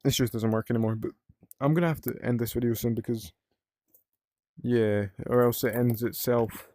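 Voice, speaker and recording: A man's voice: mid-range voice, fairly even intonation, moderate pace, mellow, no room sound, studio quality. A young British man from the UK chatting casually in a rambling vlog, swearing freely and using lots of fillers. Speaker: vlogger.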